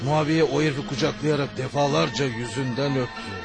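An actor playing a grave eyewitness in a historical drama, bringing bad news to his companions in a measured, solemn way. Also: mid-range voice, creaky, music in the background, lightly acted. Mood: somber, insistent. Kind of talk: dubbed historical drama dialogue.

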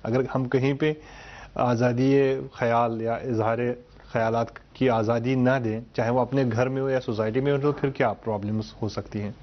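A man's voice: medium pitch, fairly even intonation, muffled recording. Courteous male talk show host. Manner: courteous, keeps agreeing with short interjections. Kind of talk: hosting a studio discussion.

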